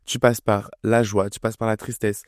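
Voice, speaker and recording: A man's voice: lowish voice, little pitch movement, normal speed, no echo, clean studio sound. A young man casually reviewing an album, enthusiastic and chatty, with lots of fillers. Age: young adult. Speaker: music review vlogger. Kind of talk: casual chat.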